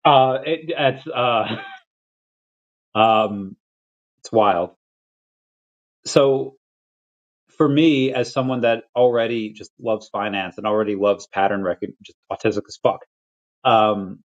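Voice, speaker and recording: A young man from Peru talks loosely on a livestream, stumbling over words and circling back to his point. His voice sits a little low. The audio is dull and lo-fi. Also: slow, long pauses. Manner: rambling, restarts often, laughs between thoughts. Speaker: crypto livestream host. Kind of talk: casual livestream chat.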